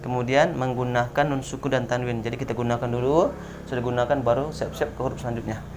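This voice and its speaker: A man's voice: mid-range voice, steady tone, noisy background. Man teaching tajwid with frequent "nah, ya". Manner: explains step by step with frequent "nah" and "ya" fillers; spells out Arabic letters slowly one by one. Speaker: Quran recitation teacher. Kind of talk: tajwid lesson at a whiteboard.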